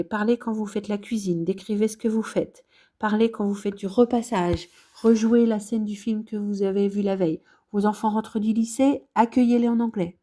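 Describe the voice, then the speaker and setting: A middle-aged woman from France giving a casual video lesson as an English teacher, talking in a direct, encouraging way with lively emphasis. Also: medium pitch.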